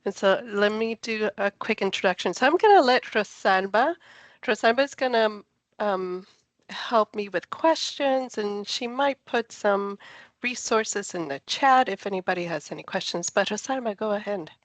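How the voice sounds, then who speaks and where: A woman's voice: medium pitch, expressive, moderate pace, no room sound. Cheerful chatty woman from Puerto Rico. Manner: enthusiastic, chatty, laughs easily. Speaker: NASA project scientist presenter. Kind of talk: friendly online science talk.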